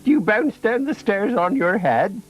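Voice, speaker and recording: A man's voice: high voice, animated, a little slow, lo-fi sound, soft background music, voice pushed up. A man voicing a feisty, teasing old granny with a rustic, mock-scolding manner in a children's story. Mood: teasing, brisk.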